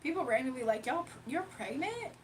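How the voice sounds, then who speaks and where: Brisk and sing-song, her voice high-pitched, this livestreamer talks casually from her phone over slight background noise. She keeps reading out viewers' comments and laughing frequently.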